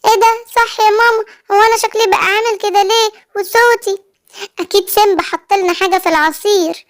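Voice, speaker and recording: A woman's voice: fairly even intonation, fast. A woman with an Egyptian accent voicing a worried, chatty little boy monkey in a children's cartoon story. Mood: puzzled. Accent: Egyptian Arabic. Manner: squeaky childlike voice.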